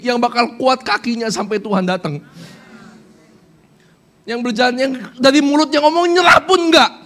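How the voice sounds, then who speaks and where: High-voiced impassioned male pastor. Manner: impassioned, often shouting and questioning; drops into soft, slow sung worship. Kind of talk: sermon.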